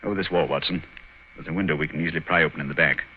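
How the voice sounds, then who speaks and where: An actor playing Sherlock Holmes as a brisk, confident English detective, giving authoritative instructions in a vintage radio drama. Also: male voice, extremely low pitch, steady tone. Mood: urgent, hushed. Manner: authoritative, urging, clipped instructions. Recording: muffled, noisy vintage radio recording.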